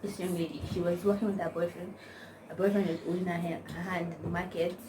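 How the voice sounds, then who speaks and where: Lowish and fast, her voice shows little pitch movement. This young Nigerian-accented vlogger talks casually to camera, spinning rambling stories loaded with slang and "like." She's recorded on a far-away mic over background noise.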